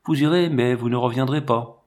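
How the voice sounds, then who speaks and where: Man reading as an excitable grieving guide. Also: medium pitch, moderate pace, lightly acted. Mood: grave. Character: excitable grieving man guiding soldiers on a lion hunt.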